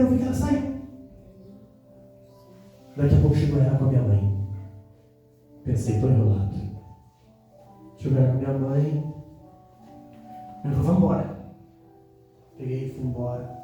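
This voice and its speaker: A man's voice: on the high side, dark tone. A Brazilian man preaching a sermon, exhorting the congregation in bursts and telling a personal story. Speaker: pastor. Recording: echoey church hall, mic from a distance.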